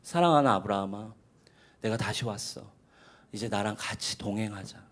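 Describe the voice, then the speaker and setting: A male pastor voicing God as a gentle, loving figure who speaks in a soft, hushed, tender way. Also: lowish voice, moderate pace, voice pushed down, close to an everyday voice. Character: gentle loving God calling a man to walk along.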